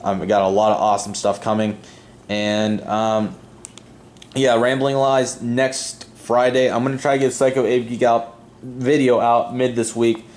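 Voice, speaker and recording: This man hosts a video channel about model airports, and his voice-over is casual, earnest and unscripted, wandering as he goes. His voice sits mid-range with a darkish, level tone and a measured pace.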